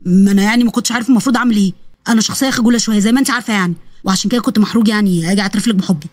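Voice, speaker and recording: Woman doing a flustered shy egyptian young guy, talks super fast, pleads a lot. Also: mid-range voice, darkish tone, no room sound, voice pushed down, lightly acted. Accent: Egyptian Arabic. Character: young man, awkward, shy, blurts out truths.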